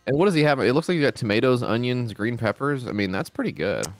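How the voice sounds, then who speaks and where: A man's voice: mid-range voice, expressive, fast, faint music behind. A man co-hosting a live stream, chatting easily about the video they watch. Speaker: co-host reacting to videos. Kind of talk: casual stream chat.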